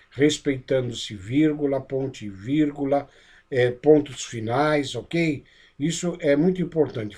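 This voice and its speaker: A man lecturing on public speaking in a teaching manner. His pace shifts between quick runs and slower, deliberate stretches, and he often pauses to check in with his listeners. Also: medium pitch, mellow. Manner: didactic, checks in with frequent "né?" and "ok?". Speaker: instructor of a speaker training course. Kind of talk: lecture-style lesson.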